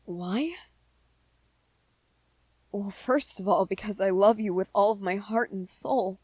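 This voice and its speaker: Slow and mid-range with a breathy edge, a woman plays a tender-hearted young vampire man smitten in love for a romantic ASMR roleplay. Recorded without echo, she sounds earnest and reassuring, hesitating with little stammers.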